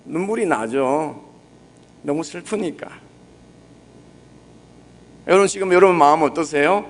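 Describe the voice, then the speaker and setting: Young Busan pastor, conversational sermon. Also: male voice, on the high side, expressive, measured pace. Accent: Busan Gyeongsang. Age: young adult.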